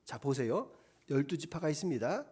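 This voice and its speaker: A man's voice: on the high side, expressive, normal speed, a little mellow, slightly rough, voice pushed down. A man voicing a timid male biblical hero who complains, pleads and makes excuses as he retells the story in a sermon. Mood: pleading excuses. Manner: whiny, pleading. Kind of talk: sermon retelling with acted quotes.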